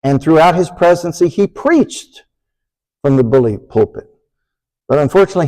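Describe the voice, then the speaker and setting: A man lecturing to an audience in a room, deliberate and emphatic, slowing down to stress key phrases. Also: fairly high pitch, darkish tone, poor audio. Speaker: speaker giving a talk.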